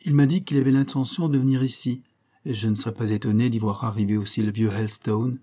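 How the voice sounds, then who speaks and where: Un homme qui fait parler un visiteur bavard et à son aise, dans un livre audio. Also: male voice, mid-range voice, fairly even intonation, brisk, mellow, natural voice. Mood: jovial. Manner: talkative, at ease.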